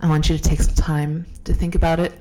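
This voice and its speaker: A woman's voice: sits low, flat delivery, fast talker, dark tone, rough recording. A woman hosting a podcast while sick, talking off the cuff in a rambling, self-deprecating way, recorded on a phone at home. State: sick, losing her voice. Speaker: podcast host. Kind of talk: unscripted casual monologue. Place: home, downstairs room.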